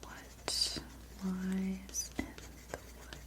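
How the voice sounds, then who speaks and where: A woman in a whispered role-play as a gentle, sleepy librarian, speaking softly and unhurriedly as she works at her desk. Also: medium pitch, completely flat delivery, very slow. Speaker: ASMR performer playing a librarian. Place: small indoor room at a desk.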